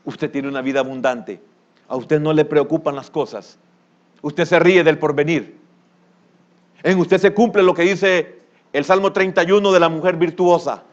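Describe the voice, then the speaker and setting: An older man preaching a sermon as pastor, with a Salvadoran Spanish accent, who bursts into loud exclamations and then drops to a low murmur. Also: steady tone, moderate pace, highs cut off.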